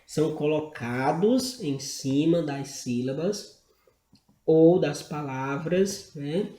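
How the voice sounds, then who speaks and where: Brazilian male teacher, unhurried and explanatory, roomy echoey recording. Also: on the high side, warm tone. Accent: Brazilian Portuguese. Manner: slow, explanatory, frequent "né?" tag questions. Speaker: Portuguese grammar teacher. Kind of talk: slide-based grammar lesson.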